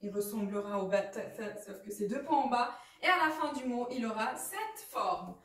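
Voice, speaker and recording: A woman teaching how to read letters, patient and repeating sounds slowly with examples. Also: fairly high pitch, lively intonation, reverberant, far from the mic. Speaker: Arabic reading teacher. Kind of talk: explaining lesson.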